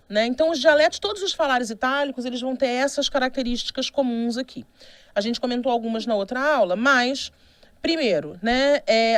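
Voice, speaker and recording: A woman's voice: fairly high pitch, no echo. A Brazilian woman with a Brazilian Portuguese accent giving a university lecture, explaining patiently and checking in with "né?" as she goes. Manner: explanatory, with frequent "né?" checks and restarts. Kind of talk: recorded online lecture.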